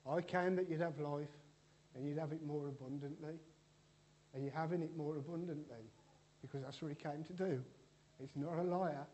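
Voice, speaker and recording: A man delivers a loose, conversational sermon, joking with the congregation and stumbling through restarts. His voice sits a little high for a man but sounds mellow and warm. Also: fairly even intonation, moderate pace, highs cut off, slight background noise. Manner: chatty and joking, with frequent restarts. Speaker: preacher. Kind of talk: informal church sermon.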